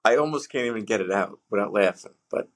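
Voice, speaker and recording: A man co-hosts a relaxed podcast conversation in a slightly low voice. He talks in halting bursts, backs up and restarts his sentences, and breaks into laughter as he tells a story. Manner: halting, many fillers and restarts, laughs while telling a story. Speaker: podcast co-host. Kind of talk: casual chat.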